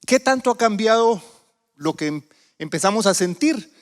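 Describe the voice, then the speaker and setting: A man's voice: sits high, lively intonation, normal speed, big-room sound. A man from Guatemala preaching a sermon as a visiting speaker, talking conversationally and putting questions to the congregation. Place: church sanctuary.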